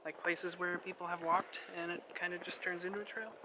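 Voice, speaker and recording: A man's voice: high-pitched, little pitch movement, fairly quick. A man in his early twenties with an American accent, chatting casually as a vlogger outdoors. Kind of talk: casual vlog chat. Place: outdoors on wooded trail and open prairie. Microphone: camera at arm's length or slightly behind. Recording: noisy outdoor handheld camera audio.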